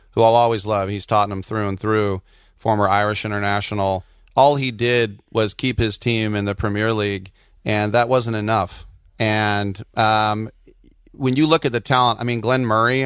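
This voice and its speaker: A man with a fairly low, smooth voice in casual sports talk. He speaks as a commentator who drifts into anecdotes. The sound is close and dry. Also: fairly bright tone, dry recording. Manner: digressive, anecdotal. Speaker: soccer commentator and co-host.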